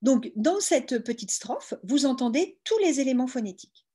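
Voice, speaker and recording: A woman with a fairly high, husky voice teaches a lesson over a video call. She explains things patiently and step by step, dropping in little "hein" asides as she goes. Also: lively intonation, normal speed, mellow. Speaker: lecturer on hearing. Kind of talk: explanatory online lecture.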